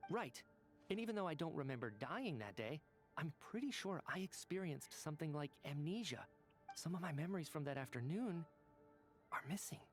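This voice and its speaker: Male actor as an earnest scientist, measured and explanatory, game dub, faint score under. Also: on the high side, animated, natural voice. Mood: calm reasoning. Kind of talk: video game voice acting. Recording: game audio with faint music behind.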